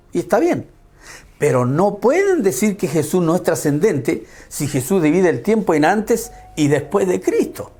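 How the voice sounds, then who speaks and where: Guy preaching a sermon, fervent, highish voice, faint music behind. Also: a little mellow. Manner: fervent preaching with swings in pitch and pace.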